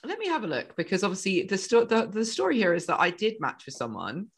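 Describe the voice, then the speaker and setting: A woman's voice: medium pitch, big pitch swings, quick pace, breathy edge. A woman co-hosting a casual podcast chat, telling a dating story and acting out the messages with plenty of laughs. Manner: chatty storyteller, acts out quoted messages, laughs often. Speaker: podcast co-host.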